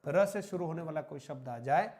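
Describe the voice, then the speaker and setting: A man with a fairly high voice teaches an online grammar lesson. He dictates example words slowly and repeats each one. He keeps asking his students questions and then answers them himself. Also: a little mellow. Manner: slow, repetitive dictation of example words, often addressing "मित्रों".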